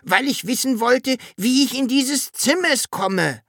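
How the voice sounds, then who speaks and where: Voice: sits high, lively intonation, measured pace, creaky, fairly bright tone, dry recording, clean studio sound, pitched above the performer's own voice, full character voice. A narrator doing a small dragon who can't say R. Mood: puzzled. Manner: lisping mix-up of R and S sounds.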